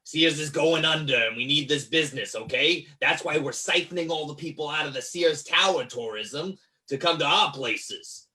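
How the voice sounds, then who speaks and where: A man's voice: on the high side, moderate pace, few pauses, bright, forceful tone, distant mic. A man playing a pushy, meddling sales manager in improvised comedy, casual and insistent. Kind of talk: improvised comedy role-play.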